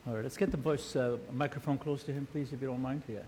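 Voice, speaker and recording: A man's voice: medium pitch, fairly even intonation, fast, background noise. A man moderating a conference panel, talking informally with many fillers as he introduces speakers. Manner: informal, with frequent fillers, directing people around. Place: conference hall.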